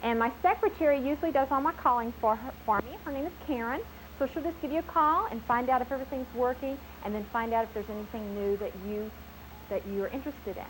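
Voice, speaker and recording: A woman's voice: quick pace, low-quality recording. A woman skin care consultant giving an upbeat, chatty sales presentation at a home party, heard from a worn VHS tape copy. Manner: upbeat, chatty sales pitch with frequent laughs. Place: living room at a home party. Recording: hissy worn 90s home video tape.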